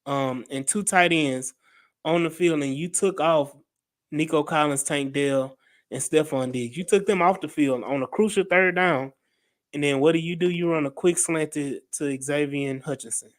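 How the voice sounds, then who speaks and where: A man with a Texan accent co-hosts a casual sports podcast in a fairly high voice. He talks in an animated way, laughs easily and cuts in to read out listener comments. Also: normal speed. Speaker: podcast co-host.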